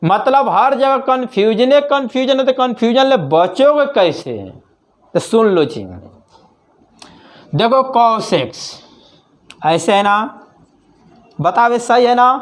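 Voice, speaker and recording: Male math tutor, online lecture; unhurried, repetitive, quizzes students, high pitch. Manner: slow, repetitive explaining with questions to students. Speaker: math teacher.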